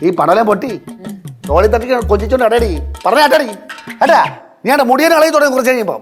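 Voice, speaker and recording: A man's voice: very high-pitched, fast. An actor playing a stubborn, blustering middle-aged father in a TV sitcom. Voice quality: teasing, blustering. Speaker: father of the family. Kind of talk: TV sitcom acting. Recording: TV sitcom with faint music.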